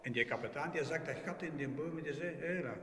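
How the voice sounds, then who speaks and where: A man telling a story, lively, with big shifts between loud and hushed. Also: fairly high pitch, quick pace. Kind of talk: spoken storytelling. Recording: distant voice in echoey hall.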